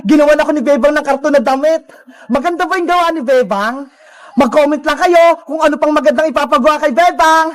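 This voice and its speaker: A woman's voice: high voice, close to an everyday voice. A woman voicing a cheerful young boy who greets viewers in a chirpy, bubbly way.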